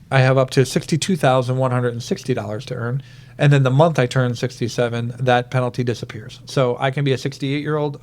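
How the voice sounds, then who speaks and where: A man in the middle pitch range talks through retirement rules on a planning podcast. He is methodical and patient, working through the figures one step at a time. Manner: steady, methodical explaining with worked number examples. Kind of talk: explanatory podcast talk.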